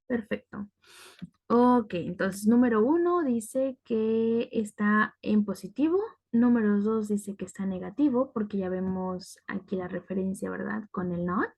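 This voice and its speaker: A woman's voice: mid-range voice, measured pace, creaky, a little mellow. A woman teaching a grammar lesson, patient and methodical, often checking in with the class. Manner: patient, repeats "ok" to check understanding. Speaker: English teacher.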